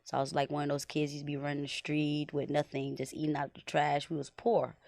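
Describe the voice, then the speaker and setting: A woman's voice: deep voice, level tone, fairly quick, creaky, darkish tone, dry recording. A young woman from Haiti, a film director talking casually as a podcast guest. She tells stories reflectively and fills them with "like" and "you know.". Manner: reflective storytelling, many "like" and "you know" fillers.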